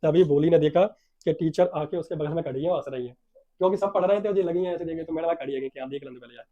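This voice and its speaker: A young male teacher giving a casual lesson, reading English lines slowly and explaining them in quick, softer Hindi, sometimes acting out the characters. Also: on the high side, dull audio. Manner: acts out the story's characters in small bits.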